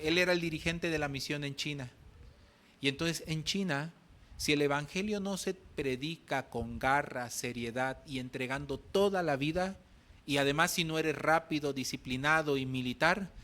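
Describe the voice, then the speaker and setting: A man's voice: a little high, pushed and bright. A middle-aged man with a Mexican Spanish accent preaching an earnest, exhorting sermon as pastor at a church service.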